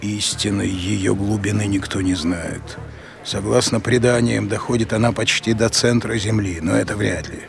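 A man playing an ancient, grave undead master in an audio drama, speaking in a measured, ominous way. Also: fairly low pitch, steady tone, gravelly, music in the background. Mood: wary.

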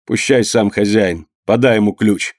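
Brief: a desperate, hoarse old servant man begging for mercy, voiced by a male reader. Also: fairly low pitch, unhurried, darkish tone, no echo, clean studio sound. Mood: hoarse, weary.

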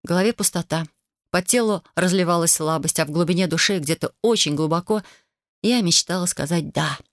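A woman narrating a first-person romance novel with a measured, expressive reading. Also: on the low side, no room sound, clean studio sound. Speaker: audiobook narrator.

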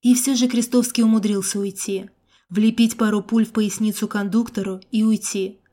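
A woman narrating a first-person action fantasy audiobook with a steady, expressive reading. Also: mid-range voice, moderate pace.

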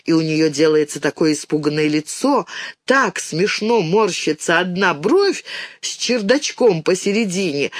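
A woman narrating a children's story aloud with expressive storytelling. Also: medium pitch, no room sound, clean studio sound. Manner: expressive, storytelling, vivid intonation. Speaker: audiobook narrator.

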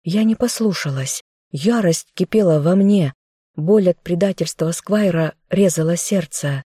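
A woman's voice: fairly low pitch, unhurried, warm tone, slightly rough, no room sound, clean studio sound. A woman narrating a fantasy novel in the first person, reading an audiobook.

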